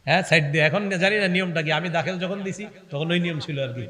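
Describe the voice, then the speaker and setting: A young man preaching an Islamic waz sermon, switching between animated explanation and slow chanted Quran recitation. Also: a little high. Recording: long hall reverb.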